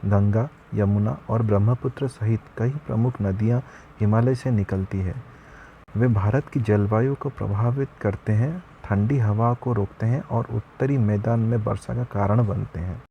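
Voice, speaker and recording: A man's voice: on the low side, steady tone, normal speed, gravelly, highs cut off, slight background noise. A man teaching a geography lesson online, explaining step by step in a chatty way and addressing viewers as friends.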